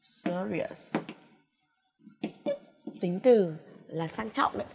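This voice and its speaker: Over music, a woman with a gravelly, medium-pitched voice teaches English vocabulary with a Vietnamese accent. Her pronunciation drills stretch words out slowly through repetition, and she coaxes patiently, often saying "ok" and "à" and asking "đúng không ạ?"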